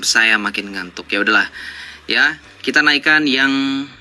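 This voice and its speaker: Sharp-voiced man mocking and lecturing. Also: mid-range voice, measured pace. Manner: mocking, lecturing, rhetorical questions. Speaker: live-stream debate host. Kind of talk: confrontational live debate with callers.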